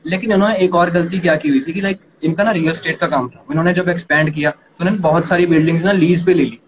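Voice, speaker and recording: A young man casually explaining startup funding to a co-host, talking quickly and animatedly. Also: a little high. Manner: rapid, animated, addresses partner as yaar and bhai. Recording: noisy background ambience.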